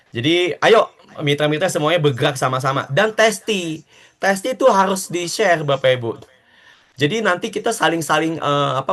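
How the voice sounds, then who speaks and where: A man giving a lively motivational talk to network marketing members, urging them on and acting out short dialogues. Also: fairly high pitch. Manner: animated and exhortative, acting out quick dialogues.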